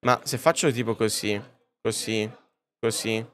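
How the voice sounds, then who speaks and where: A man's voice: lowish voice, fairly even intonation, measured pace. Chatty male streamer on a podcast mic. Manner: chatty, addresses viewers directly. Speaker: livestreamer. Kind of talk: casual live-stream chat. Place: streaming booth at a comics convention. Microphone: podcast-style microphone.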